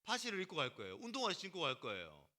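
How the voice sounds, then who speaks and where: A male pastor preaching a lively sermon to a youth group, teasing the students, calling on them by name and acting out what people say. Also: fairly high pitch, fast talker. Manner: animated, teasing, acts out quotes and calls on students by name.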